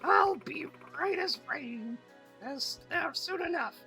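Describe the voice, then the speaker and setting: A man voicing an annoying, overly polite old woman in a video game playthrough, speaking slowly. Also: very high-pitched, expressive, pushed and bright, soft background music, pitched above the performer's own voice, exaggerated voice, low-quality recording. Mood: grateful. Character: fussy old woman, fishmonger's wife.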